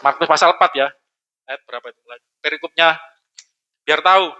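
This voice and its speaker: A man preaching a lively, joking sermon in a church hall, often asking the congregation questions. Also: on the high side, a little fast, dull audio. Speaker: pastor.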